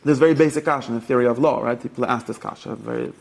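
Ein Mann hält einen lebhaften Lehrvortrag über religiöses Recht, mischt Deutsch, Englisch und Jiddisch und stellt seinen Zuhörern Fragen. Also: male voice, medium pitch, rapid-fire, gravelly, a little mellow. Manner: mixes German, English and Yiddish with rabbinic terms; poses questions to listeners. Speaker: teacher of religious law. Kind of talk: lively study-hall lecture.

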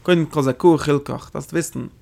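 Gravelly-voiced man teaching a text lesson. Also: fairly high pitch, steady tone, darkish tone. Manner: rapid explanatory delivery with rhetorical questions. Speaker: Torah teacher. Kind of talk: lecture explaining religious texts.

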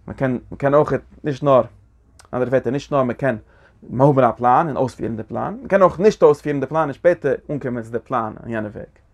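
A man teaching a lecture on a religious text, talking in halting phrases that he often repeats and restarts. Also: medium pitch, darkish tone.

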